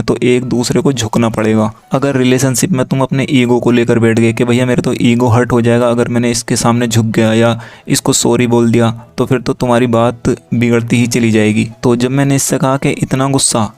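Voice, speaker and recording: Flat-voiced young man giving advice. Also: medium pitch, brisk, few pauses, dry recording. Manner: reads chat lines aloud in a flat steady tone, addresses viewers directly. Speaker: relationship advice creator. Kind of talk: casual explainer reading out chat messages.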